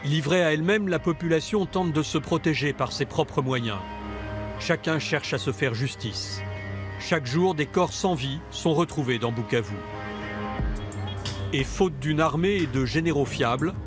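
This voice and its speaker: A man narrates an investigative documentary in a measured, grave voice set a touch high. A clear music bed runs steadily beneath his scripted voice-over.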